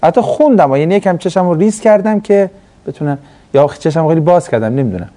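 Animated middle-aged male teacher, mellow tone. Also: fairly high pitch. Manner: animated storytelling, acts out quoted voices, laughs. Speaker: teacher of Islamic studies class. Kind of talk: classroom lecture with anecdotes. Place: classroom.

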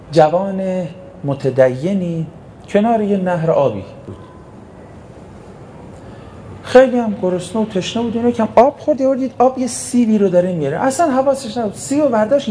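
Guy preaching, high voice that swings all over, asks questions then answers them, faint noise behind. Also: lively intonation, long pauses, warm tone. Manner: emphatic, rhetorical questions answered himself; storytelling preacher who acts out short quotes. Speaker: cleric preacher. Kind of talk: sermon.

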